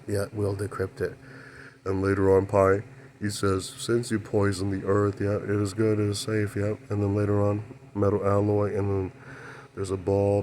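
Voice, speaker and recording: A man's voice: lowish voice, darkish tone, a little hiss or hum. A man in a rambling spoken monologue, talking in broken, fragmented phrases and repeatedly affirming himself. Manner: repetitive, keeps affirming himself with "yeah, that's true". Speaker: channel host.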